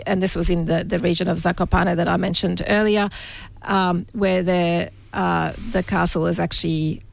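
Woman guest, very gravelly tone, hesitant, fillers. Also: on the low side, fairly even intonation, normal speed, no room sound. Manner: hesitant, many ums and restarts. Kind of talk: casual chat.

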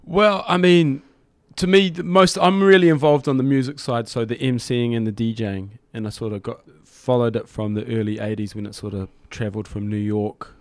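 The speaker, a middle-aged hip-hop DJ and MC, is an interview guest in a studio, chatting casually in a broad New Zealand accent and rambling loosely. He talks a little fast in a steady mid-range voice, recorded dry with no room ambience.

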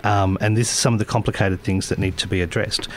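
A man co-hosting a live radio panel, earnest and quick to argue his point. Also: on the low side, steady tone. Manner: earnest and argumentative, quick to rebut. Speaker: radio co-host. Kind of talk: casual radio panel chat.

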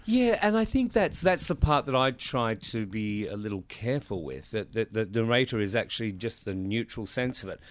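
A man's voice: on the low side, expressive, normal speed, hardly any pauses, no echo. A male musical theatre actor, chatting enthusiastically as a guest in an interview. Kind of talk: casual interview chat.

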